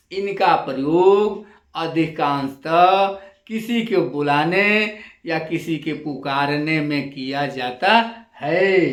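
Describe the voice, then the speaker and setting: A man lecturing as a college lecturer, repeating each definition slowly and drawing out example sounds. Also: fairly high pitch, roomy sound. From India. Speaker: intermediate college lecturer teaching Hindi grammar. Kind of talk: classroom-style lesson to camera.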